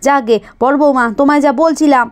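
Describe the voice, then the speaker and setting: A woman's voice: sits high, fairly even intonation, fast talker, close to an everyday voice. A woman voicing a bossy, grumbling grandmother and mother-in-law in a doll cartoon, scolding and nagging.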